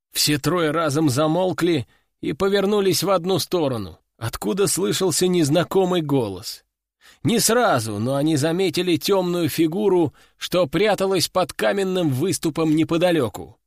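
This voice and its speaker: Brief: male audiobook narrator, slightly high voice, dry close sound, wry delivery. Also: animated, moderate pace, no room sound. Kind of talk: scripted fiction narration.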